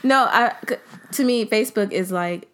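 A young woman chatting casually, easygoing and quick to laugh. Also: medium pitch. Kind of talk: casual chat.

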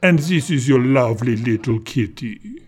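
In a children's audio story, a man with a husky, medium-pitched voice plays a creepy, glamorous doll-collecting woman. He speaks expressively at a moderate pace, theatrical and sweetly menacing, calling people "darling."

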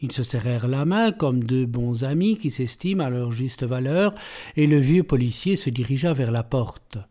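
A man reading an audiobook in a measured, steady way. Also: mid-range voice. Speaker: narrator. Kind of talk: audiobook narration.

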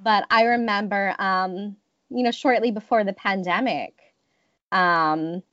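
An American woman in her thirties tells personal stories during an interview, reflective and hesitant, often restarting her sentences. She has a mid-range, fairly bright voice and takes her time. The recording is dry, with the highs cut off.

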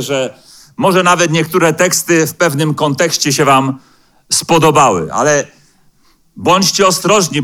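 Pastor with a higher male voice, preaching. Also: fairly bright tone. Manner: measured preaching, slows down to quote scripture, hesitates with fillers. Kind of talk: sermon. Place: church hall.

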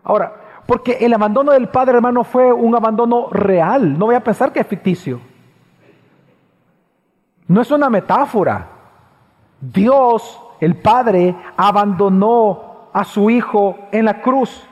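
High-voiced preacher in a reverberant hall. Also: male voice, lively intonation, measured pace, pauses often. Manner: preaching with sharp swings between loud high passages and low hushed ones; repeats phrases for emphasis. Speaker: pastor. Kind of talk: sermon. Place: church.

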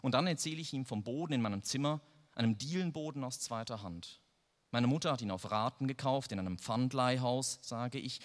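A man's voice: medium pitch, brisk. A man reading a first-person story aloud in a dry, wry manner. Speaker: narrator. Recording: long reverb.

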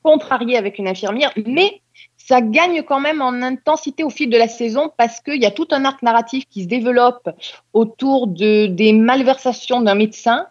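A woman's voice: on the high side, moderate pace, muffled recording. A woman co-hosting a podcast, chatting casually about TV series with frequent hesitations. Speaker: podcast co-host. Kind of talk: casual chat reviewing TV series.

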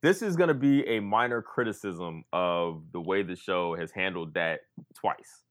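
Lively man recapping a tv show. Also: deep voice, a little slow. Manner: animated, acts out quotes of others. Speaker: podcast co-host. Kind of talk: casual chat.

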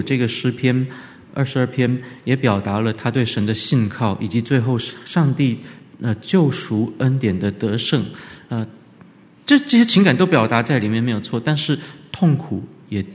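A man giving an animated church lecture on scripture, often leaping up in pitch for emphasis. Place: church hall. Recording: reverberant church hall.

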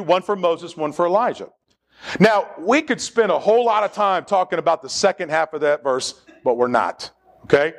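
Animated high-voiced male pastor preaching. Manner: animated preaching, call-and-response with the congregation. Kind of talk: sermon. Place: church sanctuary.

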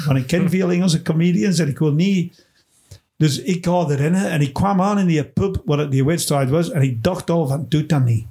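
A stand-up comedian from England, a man with a fairly high voice, chats casually. He tells his stories in an animated way, with little tag words thrown in to keep the listener with him. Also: normal speed. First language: English. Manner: animated storyteller, tags lines with "hè". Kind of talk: casual chat, telling stage anecdotes.

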